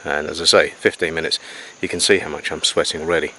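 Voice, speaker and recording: With crickets and insects faintly audible in the jungle ambience, a man by a river explains things to camera for his casual survival diary, unscripted, methodical, and matter-of-fact. He has a bass voice with a sharp tone and fairly even intonation, talks fast, and the audio is poor.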